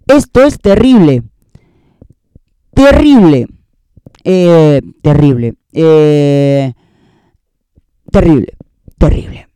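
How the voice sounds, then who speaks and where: Young spanish man, smooth and slightly high. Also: warm tone, no room sound. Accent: Spain Spanish. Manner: rambling, sarcastic, repeats himself. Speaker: host. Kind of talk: casual year-end monologue.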